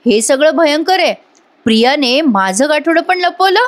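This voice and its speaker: A worried young wife, suspicious and pressing for answers, read by a woman narrator. Her voice lifts high above the telling voice. It sounds like a recap read aloud. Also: animated, moderate pace. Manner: anxious, insistent questions.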